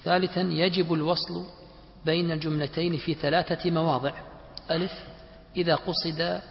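A man's voice: a little high, little pitch movement, moderate pace, creaky, slight background noise. Brief: male student reading numbered points steadily, dull lo-fi sound. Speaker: student reading the text aloud. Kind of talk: reading aloud in class. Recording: muffled recording in echoey hall.

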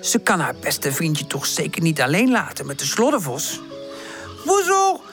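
A woman narrating a children's audiobook with expressive storytelling. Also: low-pitched, normal speed, soft background music.

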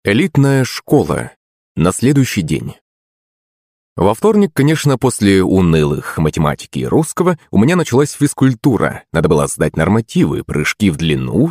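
Low-voiced man narrating an audiobook. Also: darkish tone, slightly rough, no room sound, clean studio sound. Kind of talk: first-person audiobook narration.

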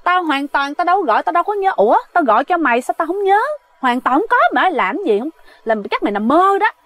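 A woman's voice: very high voice, expressive, fairly quick, no room sound, pitched above the performer's own voice. A woman voicing a frantic young woman who begs her friend for help, repeating the friend's name. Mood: bewildered denial.

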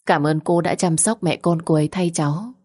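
A woman's voice: lowish voice, moderate pace, a little mellow, breathy edge. A woman reading an earnest young husband. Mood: grateful. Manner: earnest, pleading. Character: young father, earnest and grateful.

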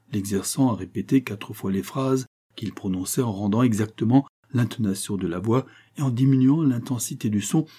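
A man narrating a short story in a measured, even audiobook reading. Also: on the low side, slightly rough.

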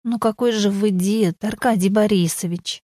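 A woman's voice: mid-range voice, steady tone, normal speed, warm tone, no room sound, studio quality, natural voice. A woman reading a blunt, resigned woman. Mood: reassuring.

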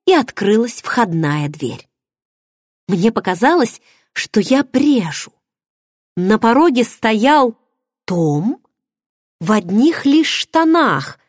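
A woman narrating a first-person audiobook in an expressive, dramatic way, recorded close to the mic. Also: mid-range voice, dry recording.

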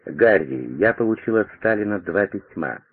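A man voicing an aging American president who speaks in hurried, insistent questions, heard over a tinny radio broadcast. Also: on the low side, expressive, breathy edge, dry recording. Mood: anxious. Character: aging male US president, urgent, commanding.

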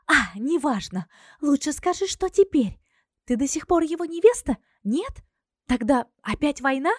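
A loud, excitable young girlfriend with a high, ringing voice, as a woman reader puts her on. She fires off shrill questions and shouts in bursts. The recording is dry and close. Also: a little slow, no echo. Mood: curious.

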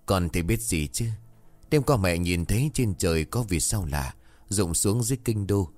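A stern, scheming sorceress mother, read by a man in a storybook tale. She lectures and scolds dismissively. The deep voice sits over faint background music. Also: expressive, normal speed, darkish tone, dry recording. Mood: scolding.

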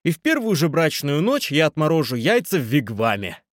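A man narrates a novel in the first person with a somewhat high, very lively voice. He plays up his hero's indignation in theatrical outbursts. The recording is dry and close. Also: fairly quick, dry recording. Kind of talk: audiobook narration of a romance novel.

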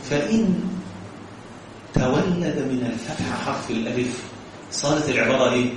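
An Egyptian-accented man teaches recitation rules, asking rhetorical questions and drawing out verses in a slow chant to make his point. His voice sits at an ordinary middle pitch. It rings through a very echoey room, picked up from some distance with faint noise behind. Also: animated. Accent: Egyptian Arabic. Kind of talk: tajweed lesson.

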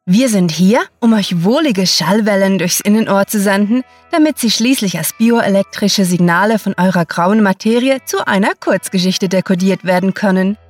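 A woman's voice: medium pitch, normal speed, few pauses, soft background music. A woman hosting a podcast, giving a wry scripted intro. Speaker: podcast host.

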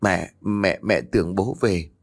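A man's voice: lowish voice, lively intonation, moderate pace. A man voicing a frightened elderly mother who stammers and trembles, in an audiobook ghost story. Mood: shaken.

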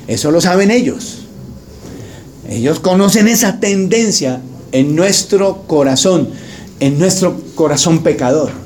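A man's voice: fairly high pitch, dark tone, a little hiss or hum. A man preaching a sermon as pastor, speaking straight to his congregation, joking and mimicking people as he talks. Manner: jokey, mimics voices, addresses congregation directly.

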